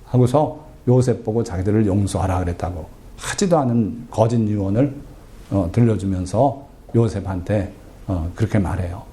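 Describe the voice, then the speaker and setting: A male pastor preaching in a warm, deep, low voice that is very mellow. He tells the scripture story like a chat, with dry humor about himself, and keeps asking the congregation questions. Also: moderate pace. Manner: conversational storytelling with self-deprecating humor. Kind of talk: sermon.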